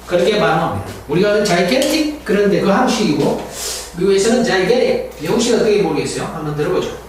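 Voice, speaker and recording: Rich: A man teaching English vocabulary, his voice high and swinging widely in pitch as he repeats each word for drilling. The recording is very echoey and distant, with a faint hiss. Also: a little fast. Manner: drills words by repeating them, animated teacherly delivery. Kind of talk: recorded vocabulary and pronunciation lesson.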